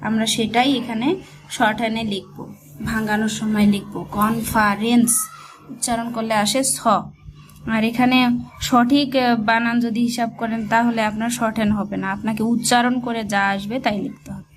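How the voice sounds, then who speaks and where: A woman teaching a shorthand lesson, spelling each word slowly letter by letter as she writes. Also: a little high, level tone, noisy background. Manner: slow, spells words letter by letter. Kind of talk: step-by-step dictation lesson.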